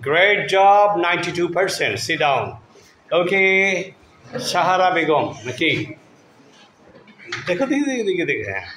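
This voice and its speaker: A man's voice: fairly high pitch, animated, slow, a bit bright. A man, teaching a class of children and drilling them, praising and prompting their answers. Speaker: English teacher. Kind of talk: classroom lesson drilling students. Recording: echoey room with faint ambient noise.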